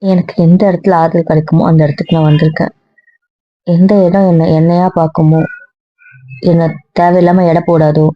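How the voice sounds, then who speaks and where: A woman's voice: on the low side, no room sound, lightly acted. A woman playing a hurt, insistent young woman. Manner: emotional, insistent, repetitive. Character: hurt young woman defending her refuge. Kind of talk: web serial monologue. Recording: dry dull lo-fi sound.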